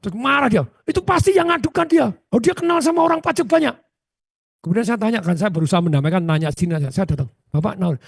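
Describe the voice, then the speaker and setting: A man giving a motivational seminar talk, animated and constantly asking the audience rhetorical questions. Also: very high voice, fast, vocal fry, breathy edge, no echo, studio quality. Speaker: seminar speaker.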